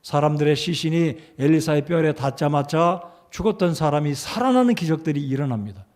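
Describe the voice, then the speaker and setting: A pastor preaching a sermon to a congregation, reading scripture aloud and acting out quoted lines with sudden rises in emphasis, then asking the listeners questions and leading them in repeating a verse. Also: male voice, on the high side, lively intonation, a little fast, a little mellow. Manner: reads scripture with acted emphasis, rising sharply for quoted commands. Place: church sanctuary. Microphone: handheld or stand mic.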